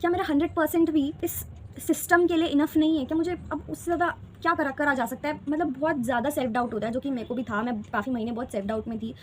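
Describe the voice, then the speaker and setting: Young woman in her twenties, high voice, earnest personal vlog, faint noise behind. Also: fairly even intonation, fast. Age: 20s. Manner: earnest, reflective, mixes Hindi with English phrases. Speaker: vlogger sharing exam experience. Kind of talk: candid personal vlog talk.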